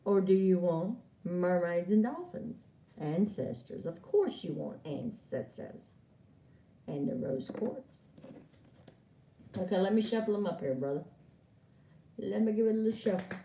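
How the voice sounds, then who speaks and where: A woman's voice: on the low side, sing-song, measured pace, long pauses, warm tone, slight background noise. A woman giving an oracle card reading on a live stream, chatting and laughing with viewers she calls by name. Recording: echoey room, far from mic.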